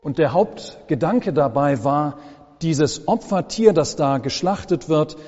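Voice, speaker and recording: Slow solemn preaching man in echoing church. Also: on the high side, lively intonation, mellow. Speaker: pastor. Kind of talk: sermon. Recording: long church reverb, dull lo-fi sound.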